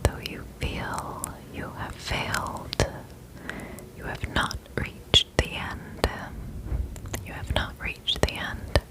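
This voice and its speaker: Woman doing asmr whispered pep talk, super slow, soothing, says affirmations over and over. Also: rough recording. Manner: soothing, slow, repeats phrases. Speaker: ASMR host.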